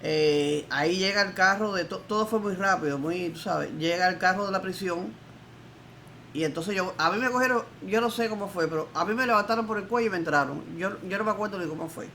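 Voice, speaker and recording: Older cuban woman, gravelly voice, quick defiant testimony, faint background noise. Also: medium pitch, a bit bright. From Cuba. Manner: emphatic, defiant storytelling. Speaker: interviewee, former political prisoner. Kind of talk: recorded testimony interview.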